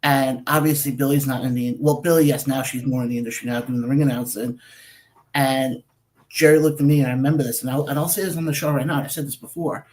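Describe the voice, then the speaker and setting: A man with an average-pitched voice hosts a radio interview show. He chats easily, asks his guest questions, and tells anecdotes with quoted back-and-forth. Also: fairly even intonation, fast, darkish tone, low-quality recording. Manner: chatty, telling stories with quoted dialogue. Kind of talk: casual interview talk.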